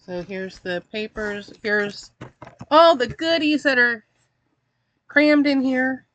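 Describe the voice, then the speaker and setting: A woman's voice: on the high side, slow, a bit bright, muffled recording. A woman hosting a casual snack-box unboxing, chatty and wry, reading the packaging aloud. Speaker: host reviewing a snack box.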